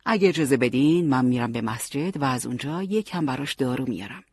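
Man playing a worn-out young guard, plain earnest talk, husky. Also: medium pitch, animated, a little mellow, no echo. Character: tired, dutiful young male fighter on guard.

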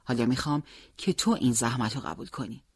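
Reader doing determined teenage boy, gentle earnest delivery, lively pitch, breathy. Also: no room sound. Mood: calm, earnest.

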